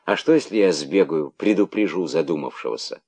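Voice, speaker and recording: A man's voice: low voice, expressive, a little fast, darkish tone, husky, heavily acted. A man voicing a young female monkey, an eager daughter who pleads with her mother.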